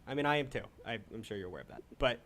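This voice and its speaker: A man's voice: medium pitch, big pitch swings, racing, a bit bright. A man in his twenties with a New England accent hosting a call-in livestream, rambling and swearing as he gives advice. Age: 20s. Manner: loose, swearing, rambling pep talk. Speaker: call-in show host. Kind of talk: casual livestream chat.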